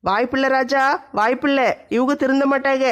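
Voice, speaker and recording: A woman voicing a lower, flat onlooker woman who eggs on a village fight. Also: fairly quick, natural voice. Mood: egging on. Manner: urging, calling out from a distance.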